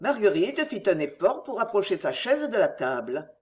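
A narrator reading a classic novel aloud in an expressive literary style. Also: medium pitch, moderate pace. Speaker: audiobook narrator. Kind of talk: scripted narration.

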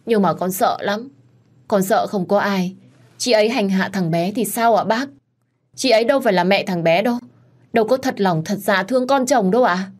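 A woman's voice: mid-range voice, moderate pace, a little mellow, lightly acted. A woman voicing a whiny, tearful young pregnant woman who accuses and pleads. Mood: whiny, accusing.

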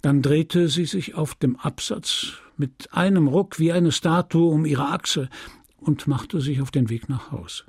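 Guy reading an old novel out loud, super husky and gravelly, takes his time. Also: fairly high pitch, no echo, clean studio sound. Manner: slow, measured storytelling. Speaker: audiobook reader. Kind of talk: literary audiobook narration.

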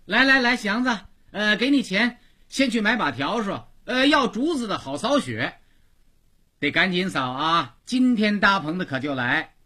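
A brash, pushy young Beijing woman, pitched very high and forceful with a husky grain, as a male storyteller puts her on. Her voice leaps up and down as she hustles someone along in this radio story. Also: big pitch swings, a little slow, full character voice. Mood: bossy. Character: brash, domineering young woman, boss's daughter.

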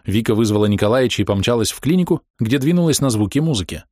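A man narrating an audiobook in the first person with an expressive, storytelling delivery. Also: medium pitch, fast, no room sound, clean studio sound.

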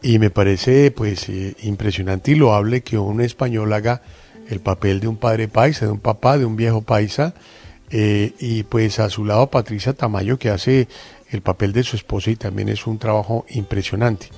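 Gravelly radio host, effusive and admiring. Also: male voice, lowish voice, fairly even intonation, a little mellow. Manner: effusive, admiring, halting with fillers. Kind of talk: radio interview.

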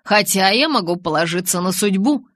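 A woman's voice: mid-range voice, animated, normal speed, no room sound. A woman reading a brash teasing young man. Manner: loud, teasing, defiant.

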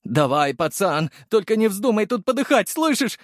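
A man voicing a panicking male police officer who shouts frantically in an audiobook. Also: mid-range voice, expressive, moderate pace, no echo, clean studio sound, close to an everyday voice. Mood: panicked shouting.

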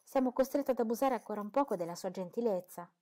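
A woman reading an audiobook, voicing a fussy, boastful middle-aged mother who talks in a gushing, indignant way. She sounds a little higher and louder than her narration. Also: fast, natural voice.

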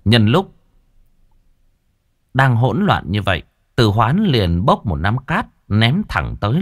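Low dramatic male ghost story narrator. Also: no room sound. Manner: dramatic, expressive pacing. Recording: dry close voice over faint music.

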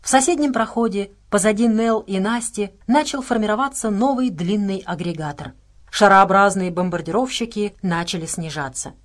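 A woman narrating an audiobook in an even, measured reading style. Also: mid-range voice. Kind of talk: scripted narration.

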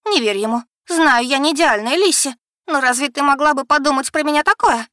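A woman voicing a shrill, tearful young sister. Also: a little fast, fairly bright tone, no echo, studio quality. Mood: wailing. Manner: shrill, pleading, near hysterical.

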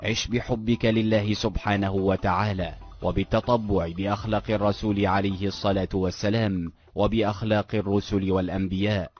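A man reading out earnest, measured motivational advice. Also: fairly low pitch, little pitch movement. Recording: lo-fi with faint background music.

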